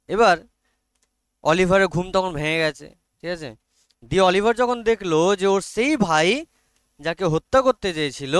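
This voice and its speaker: A man with a Bengali accent teaches an online class, retelling a story in easy mixed Bengali and English. His voice sits a little high and comes across smooth and clear. The sound is close and dry, with no room around it. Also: fairly bright tone, dry recording. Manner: mixes Bengali with English and Hindi, asks students questions; reads English text aloud very slowly.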